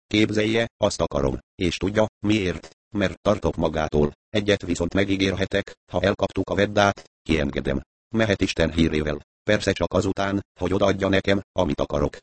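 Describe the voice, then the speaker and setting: A man voicing a calm, mocking male crime boss who threatens with smooth sarcasm. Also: sits low. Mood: coolly threatening.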